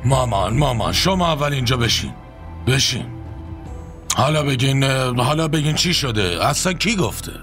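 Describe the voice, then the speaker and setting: Concerned son, earnest and coaxing, music underneath. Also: male voice, mid-range voice, very animated, a bit bright. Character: concerned grown son, calming his mother. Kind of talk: Persian dubbing of a drama series.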